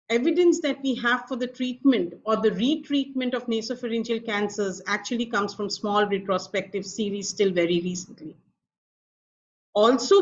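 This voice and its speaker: A middle-aged woman with an Indian accent giving a formal, measured medical lecture as a professor. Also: on the high side. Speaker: professor of radiation oncology, guest speaker. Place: online video call. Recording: dull lo-fi video call audio.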